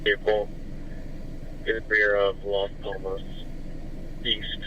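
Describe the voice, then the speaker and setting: A man's voice: fairly low pitch, completely flat delivery, bright, forceful tone. Muffled police radio voice of a man. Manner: clipped, matter-of-fact, with halting fillers. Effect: police radio transmission. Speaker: police officer. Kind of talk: radio traffic. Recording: muffled scanner radio with hiss.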